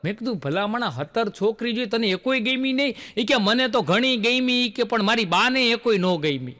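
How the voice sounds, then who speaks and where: A man's voice: very high voice, expressive, moderate pace, sharp tone. A male stand-up comedian, telling folksy jokes and acting out the lines of his characters.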